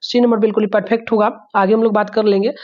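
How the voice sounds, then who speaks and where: Man teaching with drawn-out sounds, lo-fi. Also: high-pitched, little pitch movement. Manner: drawn-out repeated sounds, frequent fillers, addresses the children. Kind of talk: exam answer walkthrough.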